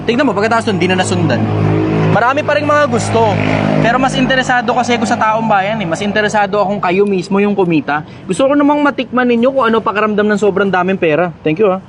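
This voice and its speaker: Blunt, high-voiced Filipino man swearing. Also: slight background noise. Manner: blunt, swears freely, repeats lines for emphasis. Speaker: host answering viewer questions. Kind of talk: casual Q&A talk.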